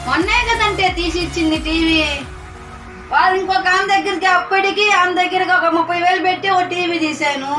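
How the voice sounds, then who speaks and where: A woman's voice: very high-pitched, fairly quick, bright, forceful tone. An actress playing a struggling mother who speaks with pleading emotion. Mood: worried. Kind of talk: amateur film drama. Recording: echoey room, distant mic, music.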